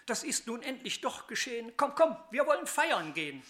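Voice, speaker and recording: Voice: mid-range voice, big pitch swings, moderate pace, pitched above the performer's own voice. A reader doing a forgiving, joyful old father. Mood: coaxing. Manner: warm, celebratory rhymed verse.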